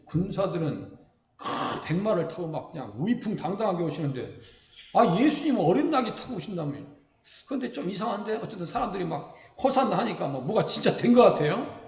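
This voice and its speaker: A man from South Korea delivers a lively, folksy sermon in a high voice. He keeps asking the congregation questions and playfully acts out the people he describes. Everything rings through a church sanctuary with a long, echoing reverb. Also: fairly quick. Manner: folksy, animated preaching with rhetorical questions to the congregation. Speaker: pastor. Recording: echoey hall with long reverb.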